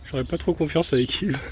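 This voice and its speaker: A man's voice: on the high side, normal speed, heavy background noise. Easygoing French man chatting outdoors. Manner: chatty and relaxed, soft laughs and many "euh" fillers. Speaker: travel vlogger. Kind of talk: casual vlog narration. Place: outdoors, walking around a van and an old town.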